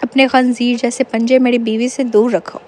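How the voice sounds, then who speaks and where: A woman's voice: on the high side, flat delivery, a little mellow, a little hiss or hum, close to an everyday voice. Woman doing a jealous husband, menacing but fake polite, storybook. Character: jealous protective husband, threatening.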